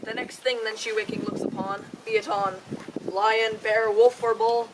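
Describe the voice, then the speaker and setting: A woman's voice: fairly high pitch, flat delivery, normal speed, lightly acted. A woman playing a jealous, commanding male fairy king in hammy, declamatory Shakespearean stage style. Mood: scheming, imperious. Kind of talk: theatrical Shakespeare stage performance. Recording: noisy live stage, distant microphone.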